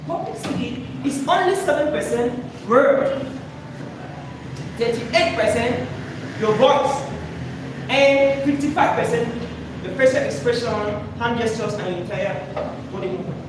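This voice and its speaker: A man's voice: extremely high pitch, animated, unhurried, pauses often. A man coaching public speaking in a live workshop, demonstrating points and quizzing the audience. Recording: echoey room, far from mic, noisy.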